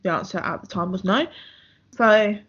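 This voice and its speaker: A woman's voice: medium pitch, normal speed, fairly bright tone, breathy edge. A young woman from England, co-hosting a casual podcast and telling a personal story bluntly, with some swearing. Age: 20s. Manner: candid and blunt, swears freely, storytelling pace. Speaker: podcast co-host. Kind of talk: casual chat. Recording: muffled lo-fi podcast audio.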